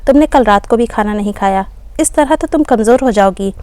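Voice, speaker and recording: Woman reading as a frustrated tired daughter, pleading, fairly high voice, dry close sound, storybook. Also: a little fast, warm tone, no room sound, close to an everyday voice. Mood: coaxing. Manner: exasperated, pleading. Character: weary young working daughter, tearful and frustrated.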